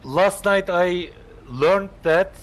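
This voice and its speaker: A man's voice: high-pitched, drawn-out words. A man streaming a flight simulator, chatting casually in non-native English and joking with a friend. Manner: non-native English, jokey, loud at times. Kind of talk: casual live-stream chat.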